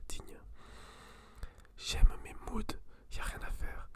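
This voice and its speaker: A person whispering in a hushed library whisper, chatting casually about books and reading aloud in an intimate ASMR style. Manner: informal, slangy. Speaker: host reviewing books.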